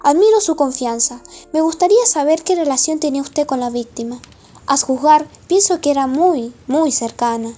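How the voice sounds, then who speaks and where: A woman playing a polite, probing male police detective in a formal, measured radio play style. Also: sits high, expressive, dark tone, soft background music. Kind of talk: amateur radio play acting.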